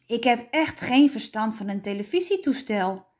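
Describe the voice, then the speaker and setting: A woman's voice: fairly high pitch, lively intonation, normal speed, darkish tone, lightly acted. A woman reading aloud, voicing a modest young boy who speaks hesitantly and sincerely. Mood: earnest.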